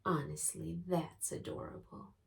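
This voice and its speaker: With an unhurried, gravelly voice, a woman dramatically performs a picture book for little kids, shifting from whispers to booming as an expressive storyteller.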